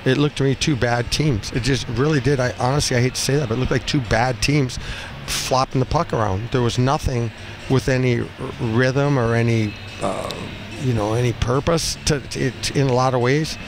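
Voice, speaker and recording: After the game, a fifties-aged hockey coach speaks without a script in a small cinder-block room inside the rink. His medium-pitched delivery is blunt, halting and repetitive, captured by a headset boom mic against a steady hum of arena noise.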